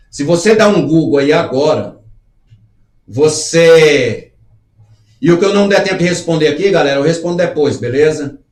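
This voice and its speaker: A man's voice: fairly high pitch, reverberant. A middle-aged man hosting a live show, reading comments aloud and talking them through in an earnest, conversational way. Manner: earnest, conversational, acts out little dialogues.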